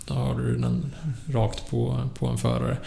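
A man's voice: mid-range voice, monotone, gravelly, warm tone. A man co-hosting a casual true-crime podcast, hesitant with many fillers and restarts. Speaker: podcast co-host. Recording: echoey room.

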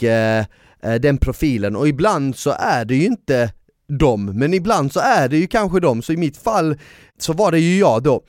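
A man co-hosting a podcast, chatting casually and telling stories in a lively way, dropping in English phrases. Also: medium pitch, dry recording, clean studio sound. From southern Sweden. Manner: animated storyteller, slangy, mixes in English phrases. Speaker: podcast co-host. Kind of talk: casual chat.

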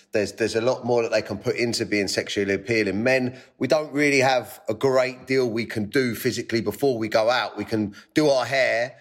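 A man chats as a guest on a panel. His talk is rough and full of slang, in a plain chav style. The delivery is casual and conversational. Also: fairly low pitch. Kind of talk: casual chat.

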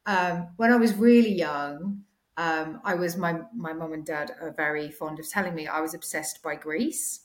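A woman in her forties with a slightly croaky, sore-throated voice, chatting casually and a little hesitantly as a podcast guest. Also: low voice, moderate pace. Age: 40s. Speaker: podcast guest, finance executive. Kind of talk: casual interview chat. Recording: echoey home recording.

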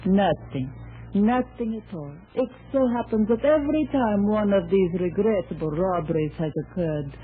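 A woman's voice: mid-range voice, lively intonation, moderate pace, lightly acted. Casting: actress as sly female fortune teller, ingratiating patter, stilted foreign-sounding English, swooping delivery, vintage radio drama. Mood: guarded, smooth. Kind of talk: old-time radio drama acting. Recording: tinny, narrow-band vintage radio recording.

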